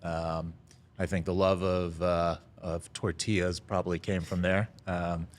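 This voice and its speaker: Telling his story in a relaxed podcast conversation, a middle-aged man who founded a restaurant talks in a very low register. He hesitates often, leaning on "uh" and "um," with an occasional easygoing chuckle.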